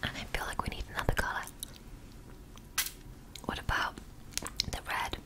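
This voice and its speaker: Female, 20s, ASMR whispered role-play. Fully whispered, close-miked, softly coaxing, with tingly wet mouth sounds. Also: moderate pace. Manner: softly coaxing, talking directly to the listener. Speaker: ASMR creator. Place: small indoor room.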